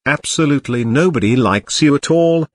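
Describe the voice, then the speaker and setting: Man as a disapproving robot cat, formal diction, lively pitch, no room sound. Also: moderate pace, no room sound, studio quality, natural voice. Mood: dry. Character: prim male robot cat commentator. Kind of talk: scripted commentary over clips.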